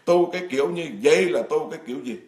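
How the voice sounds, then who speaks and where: Blunt monk preaching. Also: male voice, a little high, racing. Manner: blunt, emphatic, addresses the congregation directly. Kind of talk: dharma talk sermon.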